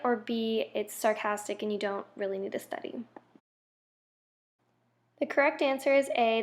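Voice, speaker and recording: A young woman teacher walks through a grammar lesson. Her voice sits a little high, and she reads each quiz item out and then explains the answer in a clear, methodical way.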